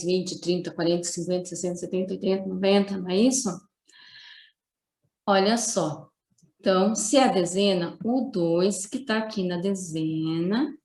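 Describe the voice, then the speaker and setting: A woman teacher with a lowish voice walks young pupils through their exercises. She is patient and methodical and keeps checking in with short tag questions. The recording has a noticeable roomy echo. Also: a little mellow. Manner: patient, explains step by step with many tag questions. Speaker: primary school teacher. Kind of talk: recorded remote class explanation.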